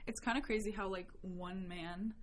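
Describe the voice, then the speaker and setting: A woman's voice: mid-range voice, fairly even intonation, a crowd in the background. Chatty teenage girl guest. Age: teens. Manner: chatty, quick to agree, full of fillers. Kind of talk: casual chat.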